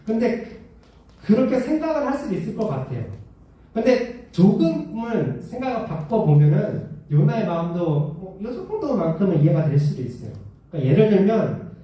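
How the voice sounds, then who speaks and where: A youth pastor giving a conversational sermon to teenagers, often asking them questions. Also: male voice, high-pitched, very animated, normal speed, mellow. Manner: conversational, asks the audience questions. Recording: echoey hall, mic far off.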